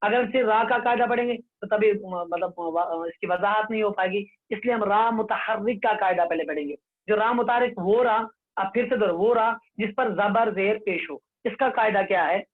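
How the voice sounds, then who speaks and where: Male recitation teacher, high voice, tinny online-class sound, drills rules over and over. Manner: slow, repetitive, drills rules and has students repeat. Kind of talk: online lesson with recited examples.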